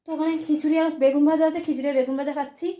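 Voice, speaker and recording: Fast-talking high-voiced woman vlogger. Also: level tone, warm tone. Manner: chatty, rambling, repeats herself. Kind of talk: casual daily vlog talk to viewers.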